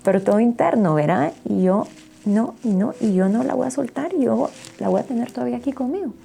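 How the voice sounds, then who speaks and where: A woman's voice: fairly high pitch, animated, a little fast, creaky, warm tone, husky. A woman giving a personal faith testimony, telling her story earnestly and emotionally and often checking in with tag questions. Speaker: testimony guest.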